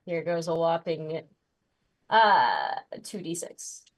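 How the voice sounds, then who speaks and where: A woman chatting casually as a tabletop game player, halting and thinking aloud as she goes. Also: low-pitched, animated.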